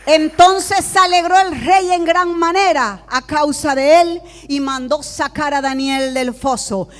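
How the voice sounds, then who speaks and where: A woman with a high voice reads scripture slowly and deliberately in a Sunday school sermon. She is a prophet who preaches with rising fervor and firm declarations. Her unhurried reading lets each phrase stand alone.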